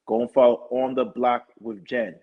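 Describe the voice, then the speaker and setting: A man hosting his own live talk show, rambling through shout-outs and sponsor plugs in casual chat. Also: medium pitch, level tone, moderate pace. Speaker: show host. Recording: dull lo-fi stream audio.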